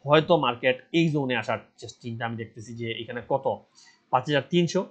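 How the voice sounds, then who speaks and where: A man's voice: mid-range voice, fast talker. A man from Bangladesh giving casual stock market commentary, earnest and insistent, repeating his advice. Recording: dull lo-fi voice recording.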